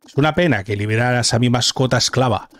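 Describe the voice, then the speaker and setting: A man's voice: mid-range voice, fast, a bit bright, natural voice. Man reading out a gloating demon game villain. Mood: gloating menace. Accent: Castilian Spanish.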